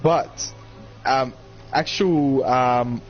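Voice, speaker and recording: A man's voice: mid-range voice, extremely slow, soft background music. A man co-hosting a casual gaming podcast, rambling with lots of fillers and casual swearing. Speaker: podcast co-host. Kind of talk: casual chat. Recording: muffled lo-fi recording with noise.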